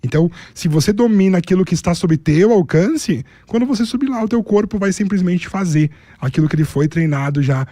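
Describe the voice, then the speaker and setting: A man's voice: sits high, animated, fairly quick, few pauses, warm tone, dry recording, studio quality. A man with a Brazilian accent, a public speaking coach, explaining his methods methodically, step by step, as an interview guest. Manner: methodical, explains in numbered steps and lists.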